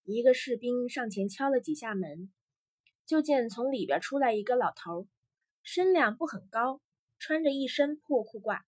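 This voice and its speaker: A woman telling a folk tale as a storyteller, in a vivid and lively manner. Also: a little high, normal speed, breathy edge, no echo.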